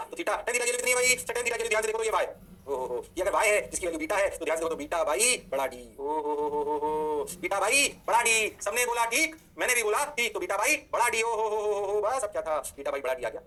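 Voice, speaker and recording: A man's voice: high voice, sharp tone. A man teaching a physics lecture, answering his own questions in a mock student voice and chanting sing-song catchphrases. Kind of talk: energetic online lecture.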